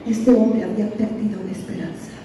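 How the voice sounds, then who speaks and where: A woman's voice: medium pitch, fairly even intonation, brisk, noisy background. A middle-aged woman from Guatemala, preaching a sermon with passion, telling stories and asking rhetorical questions. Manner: impassioned, storytelling with rhetorical questions. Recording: echoey hall, distant dull mic.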